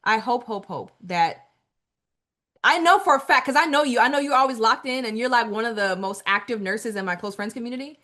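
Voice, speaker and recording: Female webinar host, animated casual talk, bright voice, video-call mic. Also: a little high, fairly quick. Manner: animated, repeats herself, calls people girl. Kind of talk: casual webinar chat with attendees.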